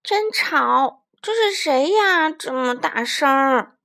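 A grumbling, half-asleep frog, put on by a woman reading a storybook, its voice pitched high and loud. It talks in a bothered, drowsy way. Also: animated, slow pace, full character voice. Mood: grumpy sleepy. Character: sleepy grumpy frog waking from hibernation. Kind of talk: storybook voice acting.

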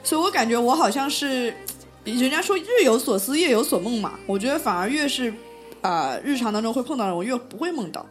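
Higher-pitched woman hosting a casual chat. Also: animated, a little fast, soft background music. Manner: reflective storyteller who poses questions to the group.

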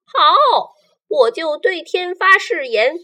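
Woman doing a cocky male centipede, high, loud, bright, sing-song rhymes, storybook. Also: very animated, slow, full character voice. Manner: loud, gleeful bragging and sing-song rhyming. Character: boastful male centipede, a proud, cheeky pest. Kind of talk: storybook reading.

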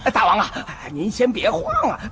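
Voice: mid-range voice, lively intonation, fairly quick, bright, forceful tone. Someone doing a groveling little demon servant. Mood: fawning. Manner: whiny, groveling, stammering.

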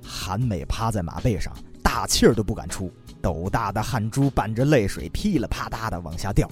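Lively, playful male comic storyteller. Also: fairly low pitch, normal speed, soft background music. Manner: lively, playful, punchline-driven. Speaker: host and narrator.

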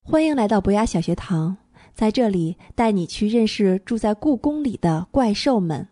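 A woman narrating a children's storybook with a gentle, clear delivery. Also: medium pitch, expressive, normal speed, no room sound, clean studio sound, soft background music.

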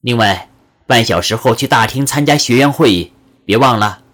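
A man's voice: mid-range voice, animated, normal speed, a bit bright. A man doing a matter-of-fact dorm manager. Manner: plain, instructive.

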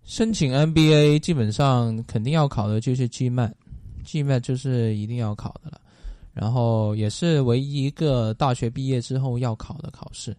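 A man answering interview questions who lays out his points one by one, pausing often on fillers. His voice is dark and mellow. The sound is close and dry. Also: medium pitch, dry recording. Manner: explanatory, methodical, with many fillers. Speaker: guest.

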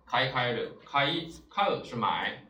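A man teaching Japanese vocabulary, explaining each word and asking rhetorical questions, with many drawn-out "ah" fillers. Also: mid-range voice, animated, pushed and bright. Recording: roomy echo, mic at a distance, faint ambience.

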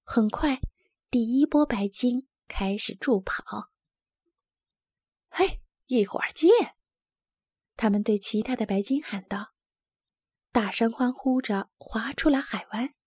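Breathy lady reading a kids' story, kinda high voice, super dry close sound. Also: measured pace, no echo. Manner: voices characters with lively lifts and soft hushed asides. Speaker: children's storyteller. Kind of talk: storybook narration for children.

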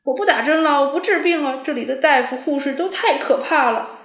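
A woman voicing a timid chubby boy animal who is terrified of injections and shouts in a whiny, panicky way. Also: mid-range voice, normal speed, echoey room, natural voice. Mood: panicked.

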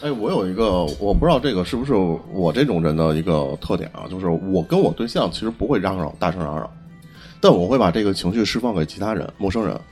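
A man with a Beijing accent telling stories in casual chat, animated and sweary, acting out what was said. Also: low-pitched, fast talker, soft background music. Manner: animated, acts out quotes, colloquial and sweary. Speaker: podcast co-host.

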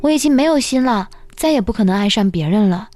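Heartbroken grumpy bear guy, woman reading him, wary and bitter, kinda high voice, faint music under. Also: lively intonation, fast, a little mellow, lightly acted. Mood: wistful. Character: heartbroken guarded male bear.

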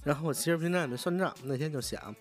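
This man's voice runs on the high side and he talks at a racing speed. A vlogger with a Beijing accent, he tells a rambling, casual story full of profanity and frequent sentence restarts.

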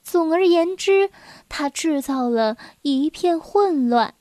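A woman reads a children's story aloud in a high voice, gently and expressively, taking her time and slipping in little asides to young listeners. The sound is dry and studio-clean.

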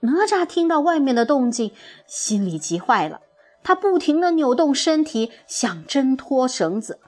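A woman narrating a children's story in an expressive, animated way. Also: high voice, measured pace. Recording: soft music behind.

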